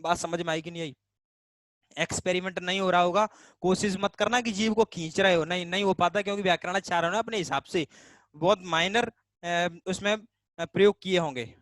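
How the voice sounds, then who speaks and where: A man with a high, slightly quick, somewhat bright voice teaches a casual online grammar class, recorded dry with no room sound. He's chatty and relaxed, posing questions to the class, answering them himself, and repeating key terms to drill them.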